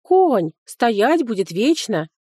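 A woman reading an audiobook, voicing a chattering young female servant who gossips in excited exclamations. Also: on the high side, takes it slowly, breathy edge, no echo, clean studio sound, full character voice.

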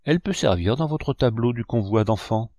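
A man reading the lines of a kindly, grave painter who is an uncle, in a gentle, fatherly manner. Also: medium pitch, lively intonation, normal speed, dry recording, lightly acted.

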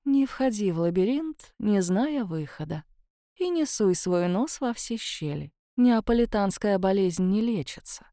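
A woman voicing a sardonic female ghost of a dead woman, speaking low and mocking, in an audiobook. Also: animated, unhurried, warm tone, dry recording, clean studio sound. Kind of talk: audiobook character voice.

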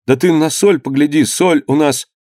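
A timid, pleading young son, as a man reading a historical novel puts him on. He speaks up higher and deferentially, always explaining himself. The recording is dry. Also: moderate pace, warm tone, no room sound, lightly acted.

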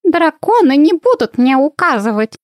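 A woman voicing a greedy, playful female guinea pig in a squeaky, giggly, flirty voice. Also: sing-song, normal speed, a little mellow, no echo, clean studio sound. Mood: lazy.

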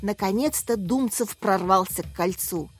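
A woman narrating a children's story in a lively, expressive reading. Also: mid-range voice, measured pace, breathy edge, faint music behind. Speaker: audiobook narrator.

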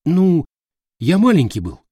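A nervous, practical young man who grumbles and gets defensive, as a male reader puts him on. His lines bounce with lively pitch and a husky edge. It is an audiobook character. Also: a little slow, no room sound, clean studio sound, full character voice. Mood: grumbling. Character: jumpy, pragmatic young man.

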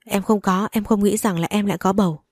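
A woman's voice: mid-range voice, fairly even intonation, fairly quick, a little mellow, no room sound, clean studio sound, close to an everyday voice. A woman voicing a frightened young wife who pleads and begs. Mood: pleading.

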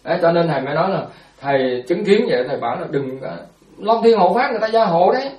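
A Buddhist monk giving a storytelling dharma talk. He speaks in an animated way, repeats words and acts out quotes. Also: high-pitched, racing, reverberant, recorded from a distance, dull audio.

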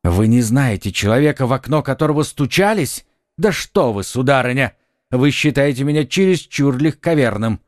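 A man's voice: medium pitch, expressive, normal speed, dry recording, clean studio sound, voice pushed up, lightly acted. Brief: narrator as a passionate young nobleman; insistent, earnest; audiobook. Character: ardent young male nobleman and swordsman. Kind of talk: audiobook acting.

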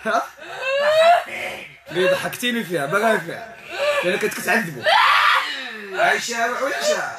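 High-voiced Moroccan man commanding a spirit. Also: lively intonation, fairly quick, pauses often, echoey room, shouting, very noisy. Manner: commanding, interrogating, with Quran recitation. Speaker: ruqya healer. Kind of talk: exorcism session, questioning a spirit.

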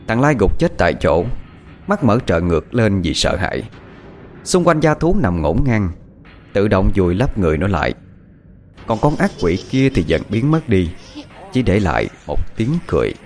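A man's voice: fairly low pitch, sing-song, normal speed, long pauses, a little mellow, slight background noise. A man narrating a horror story with dramatic storytelling.

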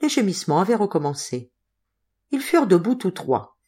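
A woman's voice: medium pitch, sing-song, moderate pace, darkish tone, breathy edge. Woman reading a French novel aloud. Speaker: audiobook reader. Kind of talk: audiobook narration.

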